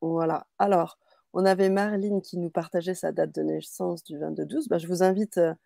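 A woman's voice: fairly low pitch, steady tone, moderate pace, vocal fry, warm tone, dry recording, clean studio sound. A woman hosting a live workshop, reading out audience questions and hesitating with fillers. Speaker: host of a live online workshop.

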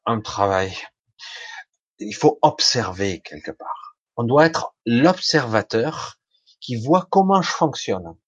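A man's voice: fairly low pitch, breathy edge, no echo, highs cut off. A man giving an informal motivational talk straight to the listener, colloquial and blunt, with mild swearing.

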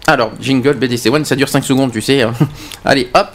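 A man hosting a local radio show, excitable and jokey, stumbling over his words. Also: medium pitch, fairly quick, a little hiss or hum. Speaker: radio host. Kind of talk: casual live radio banter. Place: local web radio studio.

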